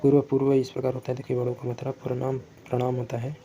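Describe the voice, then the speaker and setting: Guy with a real low dark tone, monotone teacher, keeps saying sorry and fixing himself. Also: quick pace, muffled recording. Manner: self-correcting, repetitive word-by-word explanation. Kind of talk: exam-prep Hindi spelling lesson.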